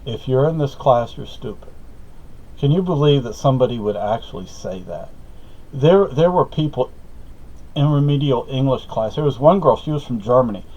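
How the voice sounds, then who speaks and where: A middle-aged man from Spain, a native Spanish speaker and vlogger, rambles through a meandering personal story full of fillers and self-corrections. His medium-pitched, darkish voice has lively intonation at a normal speed. The lo-fi audio is slightly dull.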